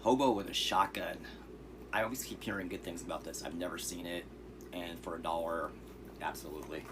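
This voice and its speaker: Talking a little fast, the man lays out his thrift-store movie finds in a very low, gravelly voice. The casual vlog meanders with fillers and asides, set against a clear and constant background noise.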